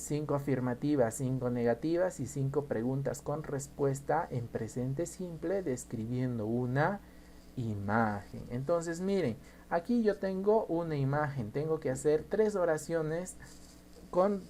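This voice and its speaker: A man teaching an English grammar lesson, slowly spelling out and repeating each example. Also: medium pitch, a little mellow, slight background noise.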